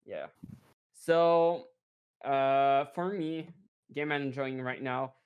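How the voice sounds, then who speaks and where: Smooth-voiced man in casual podcast chat. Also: mid-range voice, fairly even intonation, takes it slowly, narrow, tinny audio. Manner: laughs often, searches for words. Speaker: podcast co-host.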